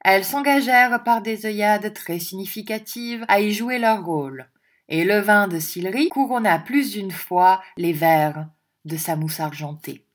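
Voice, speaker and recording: A woman's voice: mid-range voice, unhurried. Woman narrating a classic French novel. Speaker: audiobook narrator. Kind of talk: literary audiobook narration.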